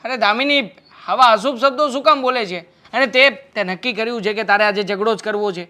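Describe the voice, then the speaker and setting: A man's voice: high voice, fairly quick, sharp tone. A young husband in a family drama film, easygoing and dismissive. He answers in a defensive, coaxing manner, brushing aside his wife's worries. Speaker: actor as the husband. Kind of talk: Gujarati short film acting.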